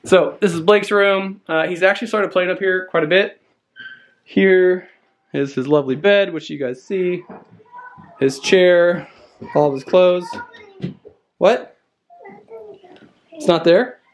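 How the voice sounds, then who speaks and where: An American father in his thirties gives a casual narrated tour of the family house for a home vlog, chatting to his kids in a playful, coaxing way. His voice is high and he speaks slowly, leaving long pauses. It's noisy handheld home video, shot indoors on a camera held at arm's length.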